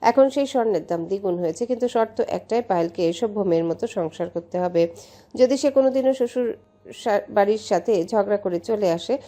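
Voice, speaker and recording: In this audiobook-style reading, a Bangladeshi woman narrates a love story. She speaks at an even, measured pace in a voice that sits in the middle range.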